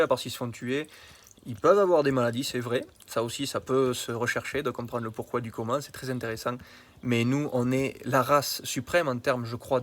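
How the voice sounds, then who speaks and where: Male health coach, casual vlog, talks straight to the viewer, familiar and slangy, punchy emphasis. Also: mid-range voice. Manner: colloquial and familiar, addresses the viewer directly.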